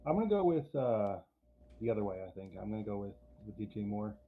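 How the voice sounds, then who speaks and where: A man co-hosting a casual fantasy football show, talking in halting bursts with lots of restarts and some teasing. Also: fairly low pitch, very animated. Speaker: co-host. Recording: tinny phone-like line with faint noise.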